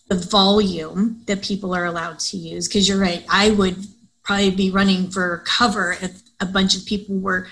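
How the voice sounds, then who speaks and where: Measured woman podcast co-host. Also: mid-range voice, a bit bright, low-quality recording. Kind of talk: casual discussion.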